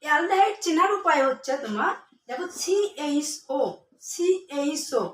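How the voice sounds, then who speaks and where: In a chemistry lesson recorded from afar in a reverberant room, a woman speaks in a high, animated but unhurried way. She quizzes the students, supplies the answers herself and keeps going back over the key terms.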